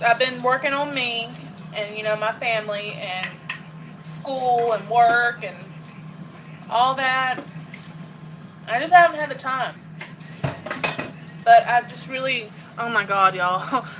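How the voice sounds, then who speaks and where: A woman's voice: a little high, slow pace, pauses often, noisy background. A woman chatting candidly to her phone while cooking in her home kitchen. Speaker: cooking vlogger. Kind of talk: casual chat while cooking.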